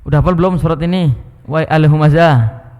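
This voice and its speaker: Preacher in a reverberant mosque hall. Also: male voice, on the high side, quick pace, muffled recording. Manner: conversational, coaxing and teasing the congregation. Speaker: Islamic teacher giving a Quran commentary class. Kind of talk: mosque study-circle lecture.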